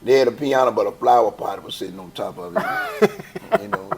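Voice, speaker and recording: An older man from Chicago's West Side, founder of a gospel choir, speaks with a heavy accent that sounds Southern. He tells stories in an easygoing, laughing, folksy way during a relaxed interview conversation. His voice is mid-range and a little fast, with crowd noise in the background.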